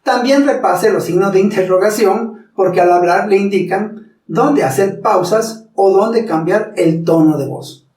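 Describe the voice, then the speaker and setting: A man teaching public speaking, talking formally to the viewer and slowly demonstrating pronunciation. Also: high-pitched, darkish tone, echoey room, distant mic, rough recording. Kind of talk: instructional talk.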